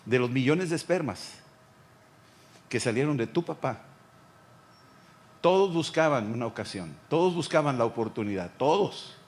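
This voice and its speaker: A pastor preaching a sermon, speaking directly to the listener and acting out the voices of Bible figures. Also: male voice, medium pitch, lively intonation, moderate pace, long pauses.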